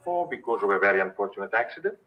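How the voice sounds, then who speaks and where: An actor playing a suave, seductive European prince in a 1950s film, courtly and polite. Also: male voice, lowish voice, big pitch swings, very fast, lo-fi sound, slight background noise.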